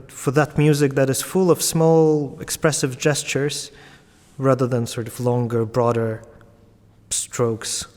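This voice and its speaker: A thirtysomething pianist, Latvian by birth and raised in Ukraine, talks in a mid-range, slightly mellow voice within a large hall. His casual, thoughtful interview answers are peppered with fillers and restarts.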